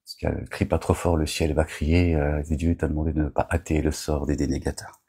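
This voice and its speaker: A man's voice: rumbling low, level tone, a little fast, mellow, husky. A man delivering a rambling, agitated monologue to his viewers, scolding them as a self-styled preacher, with constant verbal tics.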